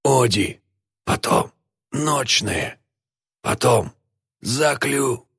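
A man's voice: lowish voice, measured pace, no room sound, clean studio sound, pitched above the performer's own voice. A man voicing a frail, frightened old male philosopher in an audiobook, talking in gasping, breathless whispers. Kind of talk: audiobook reading.

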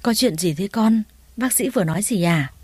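A woman's voice: mid-range voice, animated, normal speed, a little mellow, husky, dry recording. Woman voicing a doting older mother-in-law. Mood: bewildered.

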